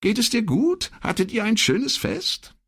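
Man voicing an older grandmother, high, animated, friendly, chatty, audiobook. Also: measured pace, slightly rough, full character voice. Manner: cheerful, lively high voice.

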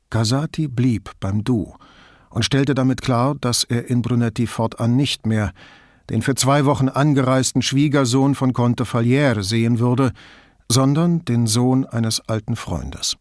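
A man narrating an audiobook in a calm, measured, even reading voice. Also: mid-range voice, no room sound, clean studio sound. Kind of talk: scripted narration.

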